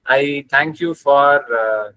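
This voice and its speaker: Speaking slowly through a webcam on a video call, a young man with a South Indian accent gives an earnest online guest lecture that includes recited Sanskrit verses. His voice sits at medium pitch with a sharp tone and no echo.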